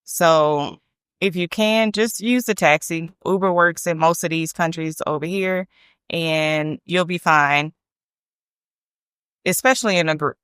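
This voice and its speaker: A woman's voice: on the low side, unhurried, fairly bright tone, clean tone, no room sound, clean studio sound. A woman vlogging casually about travel, chatty and repeating points for emphasis. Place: hotel room.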